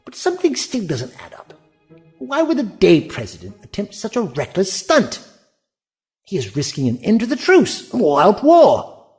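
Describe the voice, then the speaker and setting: Wry, thoughtful time traveller, played by a man: extremely animated pitch, theatrical musing delivery, light music behind. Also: normal speed. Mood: pondering. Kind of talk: audio drama acting.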